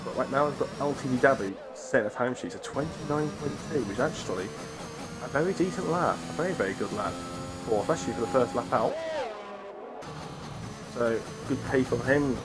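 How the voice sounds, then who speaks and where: This race commentator's mid-range voice is animated and a little quick, set against loud background music. Nursing a cold with a cough and sore throat, he gives rambling, chatty live commentary on an online racing league and keeps interrupting himself mid-thought.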